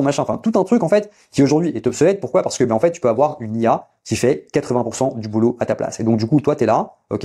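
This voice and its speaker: A man from India, pitching his online business coaching to the viewer in a hyped, rambling way full of fillers. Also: mellow, slightly rough. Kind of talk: casual direct-to-camera sales pitch.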